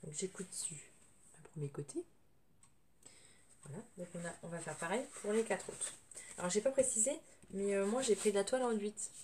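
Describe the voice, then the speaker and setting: Tonsillitis leaves this sewing tutorial host's voice thick and unusual, and she hesitates and clears her throat a lot. Her medium-pitched, slightly mellow voice keeps a moderate pace with long pauses. It's captured at a distance by the camera's built-in microphone, with noisy room sound.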